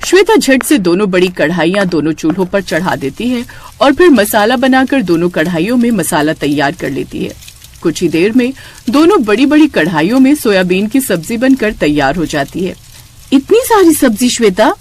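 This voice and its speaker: Woman narrator, steady scripted storytelling, medium pitch. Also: moderate pace.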